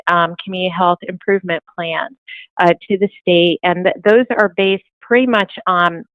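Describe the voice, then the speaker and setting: A woman's lowish voice comes through a tinny phone line, dry and close with no room sound. She is presenting a report to a public meeting, hesitant and full of ums and restarts. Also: dry recording. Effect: heard over a phone line. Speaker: county health department presenter.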